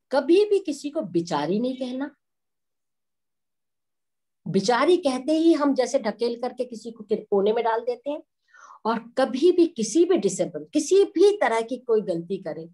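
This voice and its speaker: A woman's voice: fairly high pitch, big pitch swings, measured pace, mellow. A middle-aged woman from India giving an earnest public speech at a women's day event, slipping English phrases into her talk.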